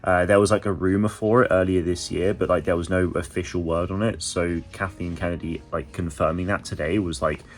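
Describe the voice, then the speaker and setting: Male vlogger with a low voice, chatty hotel-room recap, faint music underneath. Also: fairly even intonation, a little fast, few pauses. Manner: enthusiastic, chatty recap with fillers. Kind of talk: casual recap to camera.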